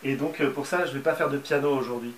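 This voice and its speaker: A man's voice: mid-range voice, steady tone, fast talker, heavy background noise. Hesitant man explaining songwriting. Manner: hesitant, many filler sounds. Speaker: songwriter giving a tutorial. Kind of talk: casual video tutorial.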